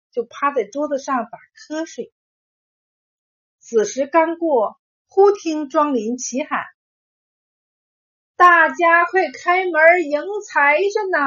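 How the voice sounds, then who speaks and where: A woman storyteller narrating a folk tale in a gentle, measured way. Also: high voice, slightly rough. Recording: dull lo-fi recording.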